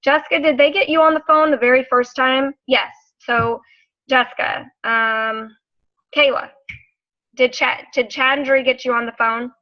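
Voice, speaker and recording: A woman leading a team video call, talking in an upbeat, enthusiastic way and quick to praise. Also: sits high, steady tone, dry recording, lo-fi sound. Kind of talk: casual team meeting talk.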